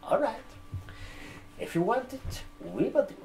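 In this ASMR role-play, a man in his twenties plays a barber shop receptionist, speaking to a customer slowly, haltingly, and repetitively while typing on a keyboard. His voice is very high, expressive, and mellow. Keyboard clicks and a roomy echo fill the indoor space with sofas.

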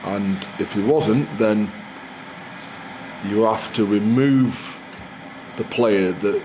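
A man in his forties, a rugby head coach answering post-match questions at a press conference in a candid, measured, upbeat way. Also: on the low side, background noise. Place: small indoor press room in front of a sponsor backdrop.

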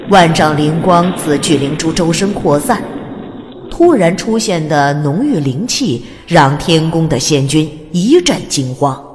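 With a low, slightly mellow voice, a woman reads a fantasy audiobook as its narrator. Her delivery is dramatic and scripted, and reverb colors the sound.

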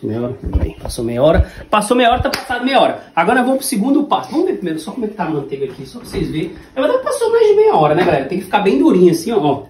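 A man in his thirties with a Brazilian accent demonstrates home cooking to camera, chatting and joking in slang as a home cook and vlog host. His voice is high-pitched with huge pitch swings, rapid-fire, with few pauses. The small indoor home kitchen sounds echoey, full of clattering dishes and noise.

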